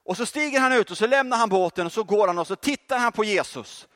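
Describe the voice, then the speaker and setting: A male preacher giving a lively sermon, joking and speaking directly to the congregation. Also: sits high. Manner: animated, joking, addresses audience directly.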